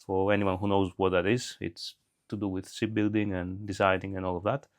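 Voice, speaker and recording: A middle-aged Greek man, a guest on a podcast, speaks unscripted in a deep voice with flat delivery and a fairly quick pace. He comes across as reflective and hesitant, restarting his sentences often.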